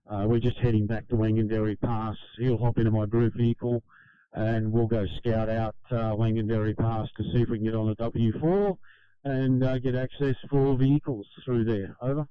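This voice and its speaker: Aussie bloke reporting from the field on radio, dry, bit dull sound, really clear voice. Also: male voice, medium pitch, little pitch movement, normal speed, no echo. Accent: Australian. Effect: two-way radio. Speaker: fire crew group leader. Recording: slightly muffled, dry two-way radio.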